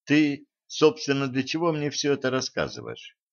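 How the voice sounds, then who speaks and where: A man reading an audiobook, voicing a cautious, quick-witted young woman who asks guarded questions. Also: mid-range voice, fairly even intonation, muffled recording, pitched above the performer's own voice, close to an everyday voice.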